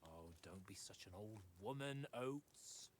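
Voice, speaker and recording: A man's voice: on the low side, animated, slow, slight background noise. An actor voicing a carefree, cocky young nobleman knight in a video game, teasing and lordly. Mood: jovial.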